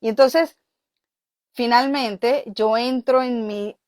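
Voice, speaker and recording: Lady telling her own story, lively, keeps saying ok?, dry close sound. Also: fairly high pitch, takes it slowly, no echo. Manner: animated storyteller, checks in with frequent "ok?" and "este". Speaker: spiritual healer and coach. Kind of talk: personal storytelling talk.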